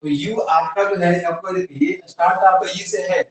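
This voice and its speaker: This English teacher, a man with an Indian accent, speaks in a high-sitting voice at a moderate pace with fairly even intonation. During his grammar lesson he asks questions and supplies the answers himself, heard from a distance in a very echoey room.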